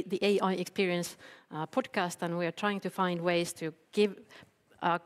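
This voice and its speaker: A Finnish woman, a company CEO, giving an earnest conference talk with many fillers and restarts. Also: lowish voice. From Finland. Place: event hall. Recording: long hall reverb from a public address system.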